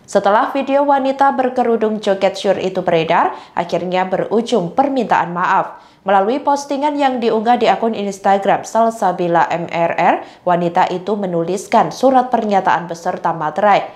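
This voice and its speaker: A woman narrating a news report in an even, formal scripted delivery. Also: mid-range voice, moderate pace.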